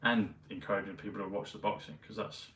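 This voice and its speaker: A man vlogging in a meandering, hesitant casual monologue full of pauses and fillers. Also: fairly low pitch, little pitch movement, a bit bright. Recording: roomy, mic at a distance, faint ambience.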